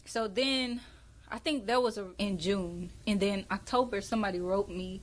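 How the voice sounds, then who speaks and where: A woman's voice: medium pitch, normal speed. A woman hosting a podcast, chatting casually and telling her own story expressively. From Houston area. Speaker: podcast host. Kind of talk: casual interview chat.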